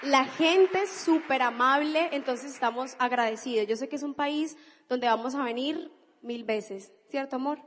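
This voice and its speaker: A Colombian woman with a high, bright-pitched voice delivers a motivational business talk, enthusiastic and emphatic. Her voice carries a long hall reverb, as if she is speaking in a large convention hall. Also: moderate pace, some chatter behind. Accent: Colombian (Cali).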